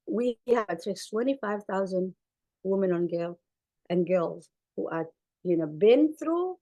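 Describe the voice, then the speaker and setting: This clinician, a Somali woman who grew up speaking Arabic, presents at a conference with slides in a mid-range voice. She comes across as earnest and emphatic, restating phrases to drive her points home.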